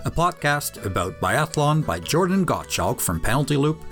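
A man co-hosting a podcast in easygoing casual chat, talking in halting phrases with frequent pauses. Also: on the high side, big pitch swings, fairly bright tone, soft background music. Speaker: podcast co-host.

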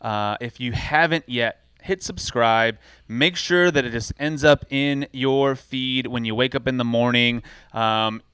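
A man's voice: medium pitch, unhurried, bright, forceful tone, clean tone, dry recording. Enthusiastic man hosting a podcast. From California. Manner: enthusiastic, rambling, with many fillers. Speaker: podcast host. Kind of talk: casual podcast chat.

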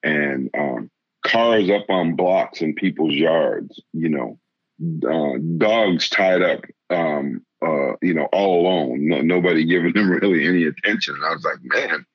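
A man from the area, telling a story in casual conversation, halting with many restarts and laughing now and then. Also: extremely low pitch, no room sound. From Boston area, Massachusetts. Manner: laughs while telling stories. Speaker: interviewee. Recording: dull lo-fi sound.

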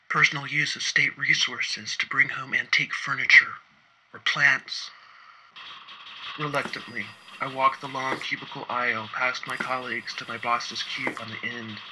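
Tense, husky-voiced male storyteller. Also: medium pitch, fairly even intonation, pushed and bright, rough recording. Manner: wry, dry, shifts between quick asides and slow emphasis. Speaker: storyteller recounting his work as an inspector. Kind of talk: first-person comic storytelling.

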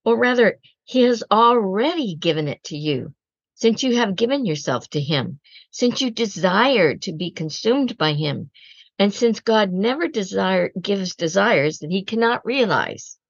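A woman gives a slow, reflective spiritual talk as a Secular Carmelite speaker, deliberately quoting prayers and reflecting on them. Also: mid-range voice, animated, vocal fry, no room sound, highs cut off.

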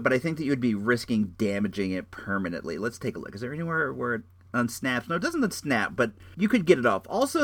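A middle-aged man hosts a show, giving casual, rambling reviews with enthusiasm and lots of slang, often repeating his phrases. His voice is medium-pitched and fairly bright, recorded with no echo.

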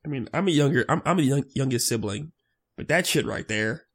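Exasperated man ranting with lively pitch. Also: fairly quick, husky. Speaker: podcast co-host. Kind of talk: casual comedic chat.

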